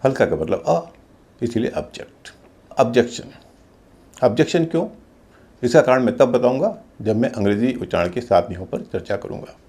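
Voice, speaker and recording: A man explains English pronunciation rules in a mellow, gravelly voice. His pitch moves a lot as he lands hard on each example word. He sounds like a teacher working through a lesson. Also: lively intonation, a little fast. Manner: explanatory, stresses example words.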